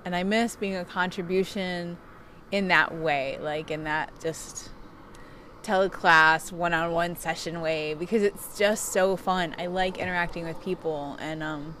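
A middle-aged woman with a slightly low voice chats in the candid, confessional way of a self-help influencer. She speaks casually and personally, as if to followers. The recording is made outdoors, with some noise behind her. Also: steady tone, measured pace, fairly bright tone. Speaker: self-help vlogger who gives coaching sessions. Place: outdoors on a wooden deck. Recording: clear outdoor background noise.

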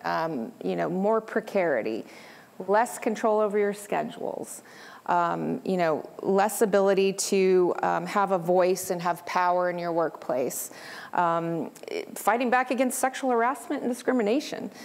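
A woman's voice: lowish voice, a little slow, creaky. Impassioned woman union advocate. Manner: passionate, rallying, uses rhetorical questions. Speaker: union leader on a panel. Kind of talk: panel discussion. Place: conference event room.

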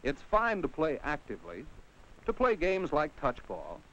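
This American narrator reads a script as if for a 1950s educational film, asking the child on screen rhetorical questions straight to their face. He has a fairly high, fairly bright voice with huge pitch swings and a moderate pace. Everything sounds muffled, like an old 1950 soundtrack.

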